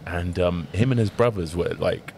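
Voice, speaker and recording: A man's voice: sits low, moderate pace, vocal fry, darkish tone, slight background noise. A young man chatting casually as a podcast co-host, full of slangy banter. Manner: laid-back banter, slangy. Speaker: podcast co-host, rugby player. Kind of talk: casual chat.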